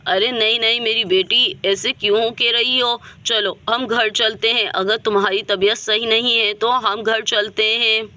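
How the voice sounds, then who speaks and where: A woman's voice: fairly high pitch, steady tone, a little slow, hardly any pauses, sharp tone. A woman voicing a worried middle-aged mother in a doll story who keeps asking anxious, pleading questions. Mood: soothing.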